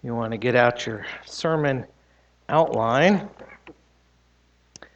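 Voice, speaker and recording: A man's voice: mid-range voice, takes it slowly, muffled recording, a little hiss or hum. A man speaking as a pastor in a church sermon, informal and lightly wry as he addresses the congregation and reads scripture.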